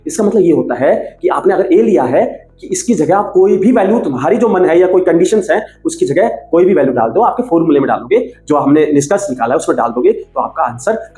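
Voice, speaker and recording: A lively man with a high-pitched voice teaches maths in a casual classroom explanation. He's animated, posing questions and then answering them himself. The room is echoey, with faint music in the background.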